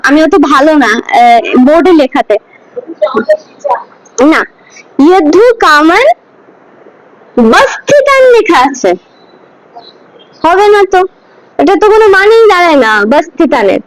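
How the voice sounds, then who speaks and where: A woman with a very high voice guides a class through scripture pronunciation as a Gita teacher, going slowly, patiently drilling each syllable and having students repeat after her. She is very animated, and the poor-quality audio sounds dry.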